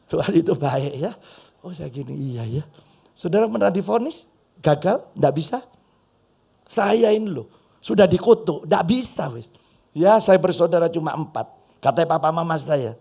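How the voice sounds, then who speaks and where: A middle-aged pastor with an East Javanese accent preaches in a lively, story-driven way and keeps breaking off to address his congregation. His voice is fairly high for a man and leaps all over the scale, with a gravelly rasp running through it. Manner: animated, humorous storytelling with audience asides. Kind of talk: storytelling sermon. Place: church service.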